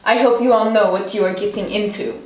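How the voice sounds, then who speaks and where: A woman playing a solemn seance medium in a student film, speaking gravely and portentously. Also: medium pitch, fairly even intonation, fairly quick, darkish tone, close to an everyday voice. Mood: solemn, ominous. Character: solemn, ominous female seance medium contacting the dead. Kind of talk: scripted student film drama. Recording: echoey room with background noise.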